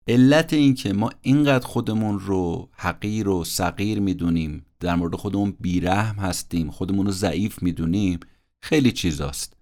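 A man with a fairly low voice talks through a self-help book on his podcast. He speaks in an earnest, encouraging, conversational way and briefly acts out the people he quotes. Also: a little mellow. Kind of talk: conversational book-summary narration.

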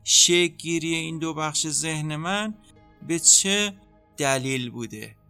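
A man speaking as a psychotherapist in an interview, calmly explaining how treatment works and acting out what a therapist says. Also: a little high, vocal fry, smooth, soft background music. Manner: calm, explanatory, acts out therapist dialogue. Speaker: psychotherapist guest.

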